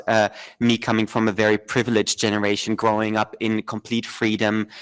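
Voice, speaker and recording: A man's voice: on the low side, fairly bright tone, clean tone. A young man from northern Germany speaking as a panel guest, reflective and often correcting himself mid-sentence. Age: young adult. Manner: thoughtful, self-correcting, many fillers.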